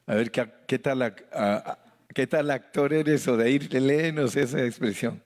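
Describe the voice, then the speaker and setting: A man pastor teaching a Bible study to his congregation, speaking slowly and deliberately, reading verses aloud and asking people to read along. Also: medium pitch. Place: church hall with a congregation.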